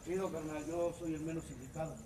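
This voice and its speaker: A man with a Mexican accent giving a profane, comedic testimony at a recovery group meeting, moving between low muttering and loud shouted rants. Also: steady tone, fast, a crowd in the background.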